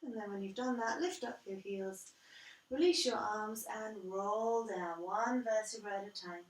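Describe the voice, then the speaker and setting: A woman guiding a yoga class as instructor, calm and measured, step by step. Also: mid-range voice. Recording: roomy echo, distant from the mic.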